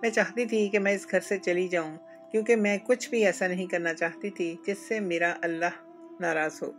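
A woman reads a first-person story aloud with emotional, dramatic weight. Her voice sits at a medium pitch. Faint background music plays beneath the narration.

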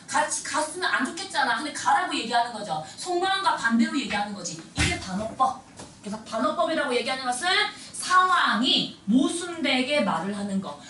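A woman teacher giving a lively classroom lecture and talking straight to her students. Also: sits high, a little hiss or hum. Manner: animated, addresses students directly. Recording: echoey room, mic at a distance.

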